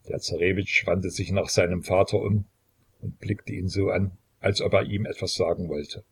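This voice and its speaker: A man narrates a historical novel in a low, husky voice. His reading is steady and measured, with a slightly breathy edge to the tone. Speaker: audiobook narrator.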